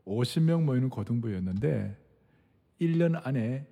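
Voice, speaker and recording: Man in his 60s, pastor preaching, husky and gravelly, lively pitch, hushed then loud, long church-hall echo. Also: normal speed. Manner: emphatic, repeats key phrases, swings between hushed and loud. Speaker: senior pastor. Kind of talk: sermon with personal anecdote. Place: large church sanctuary. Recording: long reverb of a big hall.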